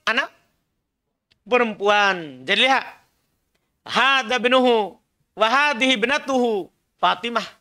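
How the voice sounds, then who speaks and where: Guy teaching arabic slow and patient, bright tone, repeat after me style. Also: high voice. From Indonesia. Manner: patient, drills pronunciation, coaxes students. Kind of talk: classroom lesson with repeat-after-me drills. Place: small prayer room classroom.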